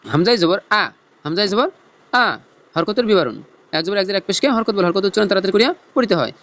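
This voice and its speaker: A man teaching Noorani Quran reading in a lesson, spelling out letters and tajweed rules in a slow teaching chant. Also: high voice, fairly bright tone. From Bangladesh.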